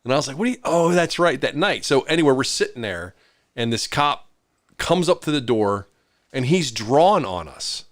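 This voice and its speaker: A man's voice: mid-range voice, sing-song, moderate pace, no echo, clean studio sound. A middle-aged man co-hosting a podcast, telling a story in casual chat and acting out the voices of the people in it. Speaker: podcast co-host.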